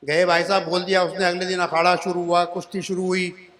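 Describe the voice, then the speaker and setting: A high-voiced man in his sixties, brisk and slightly bright with little pitch movement, performs comic poetry onstage at a live poetry event. He repeats each couplet line before landing the punchline, mixing humorous verse with storytelling and chatting with the audience as if they were friends.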